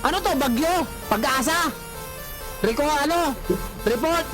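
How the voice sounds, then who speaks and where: A livestreamer with a high voice taunts the viewers, teasing and repeating jabs in a mocking rhythm. Loud music plays under the whole stream. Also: a little slow. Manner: mocking, repetitive, teasing catchphrases. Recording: loud background music over voice.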